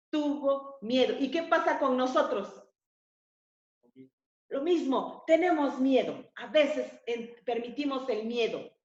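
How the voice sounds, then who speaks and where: A woman preaching a sermon in a high, bright register. She keeps checking in with her listeners through short rhetorical questions. The sound carries a roomy echo and a slightly muffled, lo-fi quality. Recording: echoey, slightly dull room sound.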